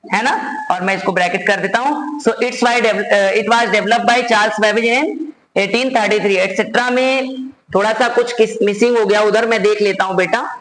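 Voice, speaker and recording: A man with an Indian accent teaching a computer class, dictating notes slowly word by word and switching to quicker asides addressed to his students. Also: sits high, steady tone, fairly bright tone. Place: classroom at a board. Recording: echoey room, faint background noise.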